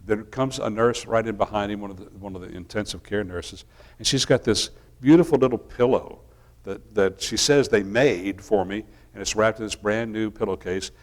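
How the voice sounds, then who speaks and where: Male minister, middle-aged, lower register; easygoing storytelling sermon with loose restarts. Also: moderate pace. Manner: relaxed, folksy storytelling with frequent restarts.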